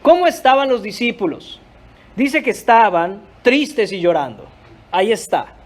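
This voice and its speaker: A man's voice: high-pitched, animated, a little slow. A male pastor preaching a sermon, emphatic, often calling out to the congregation. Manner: emphatic, repeatedly addressing the congregation.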